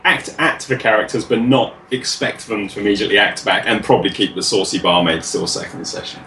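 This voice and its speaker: A man's voice: on the low side, a little fast, sharp tone. A man hosting a casual podcast, steering the talk with dry, wry remarks. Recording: roomy echo, faint background noise.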